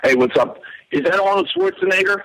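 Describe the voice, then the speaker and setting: Hesitant high-voiced male caller. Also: lively intonation, a little fast, a bit bright, rough recording. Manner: hesitant, repeats himself, laughs easily. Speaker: radio caller. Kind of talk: casual call-in chat. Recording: faint background noise.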